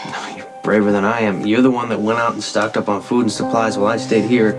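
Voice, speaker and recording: This is a man playing a young fugitive who reassures his nervous partner in an even, soothing voice with some gentle teasing. It is a soap opera scene with clear music underneath. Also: lowish voice, quick pace, close to an everyday voice. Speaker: fugitive hiding under a false name. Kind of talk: daytime soap opera acting.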